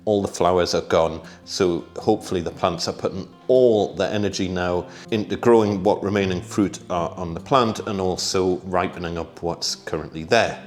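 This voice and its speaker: A British man hosting a casual gardening vlog, chatty and relaxed, thinking aloud with small asides and talking while he tastes food. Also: sits low, moderate pace, hardly any pauses, faint music behind. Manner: talks while tasting food. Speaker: gardening vlogger.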